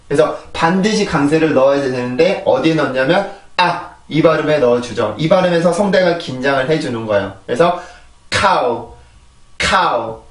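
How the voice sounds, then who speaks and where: A man teaching English pronunciation in a lecture, explaining sounds and repeating them in drills, often checking in with his listeners. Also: fairly high pitch. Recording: echoey room, voice a bit distant from mic.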